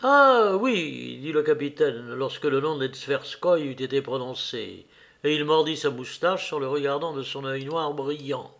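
A man narrating a classic novel aloud in a measured, even manner. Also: medium pitch. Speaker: audiobook reader.

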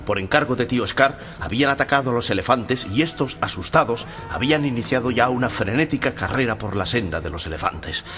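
A man narrating a storybook audio drama with brisk, dramatic storytelling. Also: mid-range voice, a bit bright.

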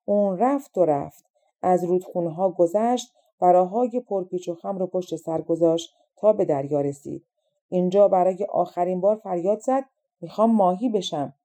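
Woman audiobook narrator, calm fairy-tale reading, warm and mellow tone. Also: lowish voice.

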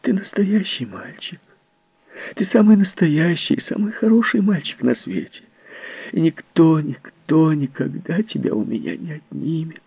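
A man voicing a gentle, distraught woman caretaker who speaks in a soft, hushed, comforting way. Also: medium pitch, lively intonation, a little slow, gravelly, husky, dry recording, exaggerated voice. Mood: tearful tender. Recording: dull, dry audiobook recording.

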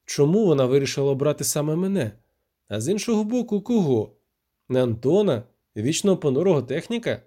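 Man, audiobook narrator, first-person, measured, mellow warm voice, mid pitch.

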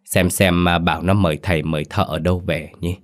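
A man voicing a fearful older village woman gossiping in hushed worry in a spoken horror story. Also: low voice, steady tone, a little fast, lightly acted. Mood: worried.

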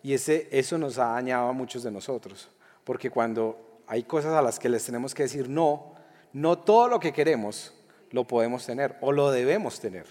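A young man, preaching a lively, conversational sermon with jokes and acted-out quotes. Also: medium pitch, normal speed. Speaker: pastor. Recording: long reverb of a large hall.

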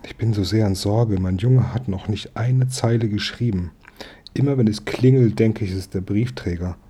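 Fretful hairdresser mother, flustered and anxious, put on by a male reader; husky, dark tone. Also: on the low side, moderate pace. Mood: worried.

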